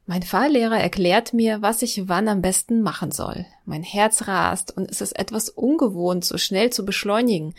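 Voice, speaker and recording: Podcast host, woman in her 30s, lively scripted storytelling, mid-range voice. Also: medium pitch. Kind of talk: scripted first-person narration.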